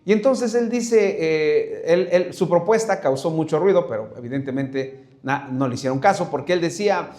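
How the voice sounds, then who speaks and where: A middle-aged pastor with a slightly high, somewhat mellow voice preaches at a moderate pace. His delivery is conversational and hesitant, with repeated words and frequent requests for the congregation to say things back to him.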